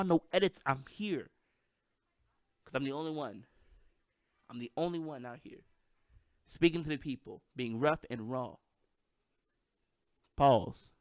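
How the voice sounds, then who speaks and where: A man's voice: medium pitch, no echo, clean studio sound. A man with a slight lisp and a stutter, hosting a casual solo podcast, hyped and self-deprecating. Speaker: podcast host. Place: at home with microphone.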